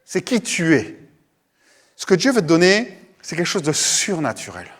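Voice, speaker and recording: A man's voice: on the high side, big pitch swings, normal speed, fairly bright tone, breathy edge. A man preaching a sermon at a church service, talking conversationally and straight to his listeners, often repeating words as he goes. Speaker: pastor.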